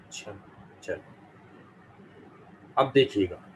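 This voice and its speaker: Male teacher, unhurried, faint background hum. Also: lowish voice, lively intonation, darkish tone, low-quality recording. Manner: slow, careful pronunciation drills, repeating words. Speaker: English teacher. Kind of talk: live online vocabulary class.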